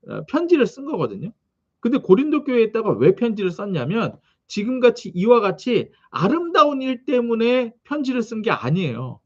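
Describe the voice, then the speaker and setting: A man preaching a sermon, reading scripture and telling its background in an animated way, with frequent questions to the congregation. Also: sits high, muffled recording. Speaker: pastor.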